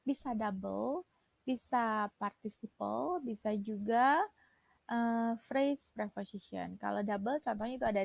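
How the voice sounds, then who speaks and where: A woman's voice: on the high side, vocal fry, no room sound. A woman English teacher, giving a recorded online class lecture in a chatty way, mixing in English words. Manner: chatty, mixes English into Indonesian, laughs at own slips. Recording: dull, dry lo-fi recording.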